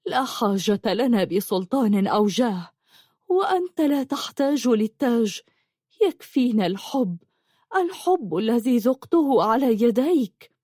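A woman voicing a gentle, loving wife and mother who speaks softly and emotionally, in a dry close recording. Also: fairly high pitch, no room sound. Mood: longing. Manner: soft, emotional, pleading.

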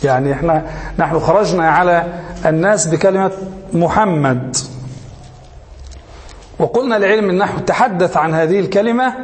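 A sheikh with a high voice gives a grammar lesson in a lingering, reverberant hall. He speaks slowly and deliberately and repeats key terms. He often stops on a question and lets his students finish the word. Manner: asks questions and lets listeners finish them. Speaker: sheikh teaching Arabic grammar. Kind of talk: classroom lecture.

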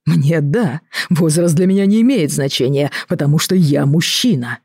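A cold, contemptuous sick man, put on by a woman narrator, rasping out slow, curt words in a hoarse, wheezy voice. His tone stays flat and dismissive, and the recording is dry and close. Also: low-pitched, no echo. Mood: cold scorn. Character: ailing middle-aged man, cold and contemptuous.

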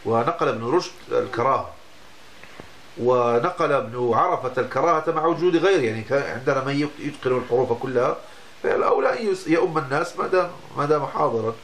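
A man's voice: medium pitch, a bit bright, slight background noise. A man, a religious teacher giving a lesson on Islamic law, explaining patiently and often breaking off to restart a word. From Morocco.

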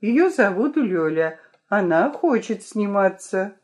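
A woman's voice: medium pitch, big pitch swings, takes it slowly, darkish tone. A woman voicing a stubborn, withdrawn little girl who gives curt answers in a storybook reading. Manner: sullen, short answers.

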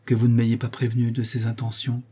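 A man's voice: mid-range voice, monotone, a little fast, dark tone, husky. A man voicing an earnest, sincere young orphan woman in a read-aloud novel, raising his voice for her.

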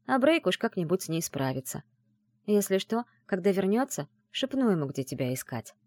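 A woman's voice: mid-range voice, very animated, a little mellow, dry recording, studio quality. A woman doing a brash, grumbling student friend. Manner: grumbling, bossy, quick to anger.

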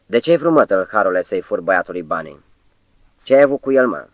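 A man voicing a coarse, shouting man woken roughly on a night train. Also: deep voice, very animated, dry recording, highs cut off. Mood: angry shouting.

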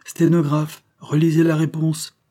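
An easily flustered male judge reacts in startled exclamations, as a male narrator puts him on. The voice is low with a dark, husky tone. It is part of a storybook reading. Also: fairly even intonation, normal speed.

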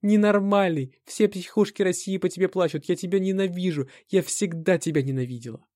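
A man's voice: sits high, fairly quick, warm tone, dry recording, clean studio sound, pitched above the performer's own voice, lightly acted. A man voicing a shrieking furious young woman. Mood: hysterical. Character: young woman, mocking then shrieking in fury.

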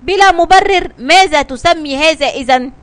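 A woman's voice: sits high, normal speed, a bit bright. A woman voicing a terrified male shipwreck survivor in a children's storybook reading, repeating frantic warnings.

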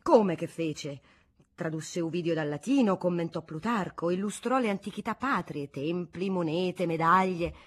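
A woman reading an audiobook voices a pedantic older gentleman who lectures earnestly, with a husky voice. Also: on the low side, moderate pace. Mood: lecturing.

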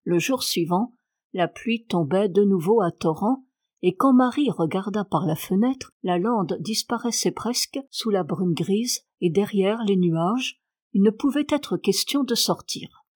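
Woman, audiobook narrator, calm measured reading, literary narration, medium pitch.

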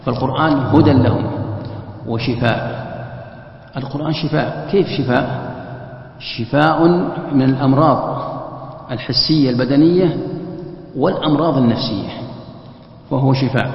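A man teaches Quran exegesis at a patient pace, returning to the same words and putting questions to his listeners, now and then chanting a verse. His voice sits at an ordinary middle pitch. The recording is muffled and carries a long hall reverb. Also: creaky. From Saudi Arabia. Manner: explains slowly, repeats phrases and rhetorical questions. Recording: dull echoey hall recording.

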